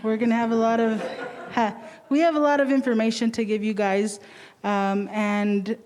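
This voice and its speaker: Higher-voiced, playful woman introducing her team. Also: fairly even intonation, moderate pace, a little mellow. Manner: playful, informal. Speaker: team supervisor introducing a presentation. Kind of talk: casual presentation introduction.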